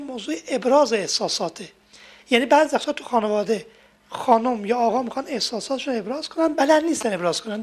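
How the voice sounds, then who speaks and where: A woman with a high, light voice gives a talk on family life. She explains in a steady, teaching way and walks through everyday examples from the home. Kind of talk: lecture on marriage and emotions.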